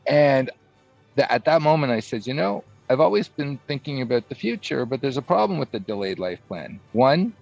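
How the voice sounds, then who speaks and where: Man, middle-aged, from Canada, casual storyteller, mid-pitched voice, restarts often, dull video call audio. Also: moderate pace, gravelly, dry recording, soft background music. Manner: rambling, animated, with frequent restarts and self-corrections. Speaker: podcast host telling a personal story. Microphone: computer microphone on a video call.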